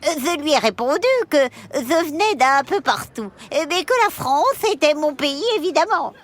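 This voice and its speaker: A woman's voice: high voice, animated, moderate pace. A woman voicing a cheerful, giggly female elf who tells stories to children, exclaiming often and hesitating with many fillers. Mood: excited. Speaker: children's storyteller. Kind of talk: children's story narration.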